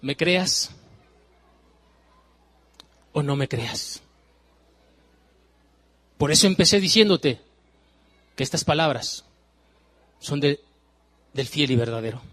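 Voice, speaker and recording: A man preaching a sermon, emphatic, moving from hushed warnings to loud exclamations and repeating phrases. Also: on the high side, takes it slowly, long pauses.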